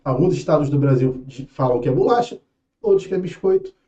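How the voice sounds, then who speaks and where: A man's voice: a little high, huge pitch swings, fairly quick, mellow, lo-fi sound. Patient carioca male teacher, roomy sound. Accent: Rio de Janeiro Brazilian Portuguese. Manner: casual, patient, checks in often with "tá?" and "né?". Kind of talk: exam prep lesson.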